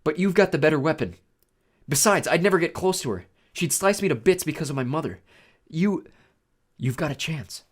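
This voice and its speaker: A clever, bossy girl, acted out by a male reader from a storybook adventure. She is insistent and urgent, pitched up from the narration, with animated intonation. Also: normal speed. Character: Annabeth, bossy, brisk, brainy young girl.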